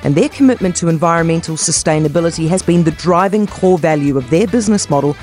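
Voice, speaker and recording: A woman's voice: fairly low pitch, darkish tone. New woman narrating a business story. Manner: measured, storytelling delivery. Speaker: radio business show host. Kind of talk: scripted podcast narration. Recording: faint music bed behind voice.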